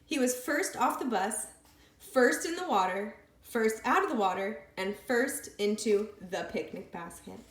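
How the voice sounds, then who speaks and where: A woman reading a picture book aloud with expressive, lively storytelling. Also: on the high side, a little slow. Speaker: storybook reader. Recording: echoey room.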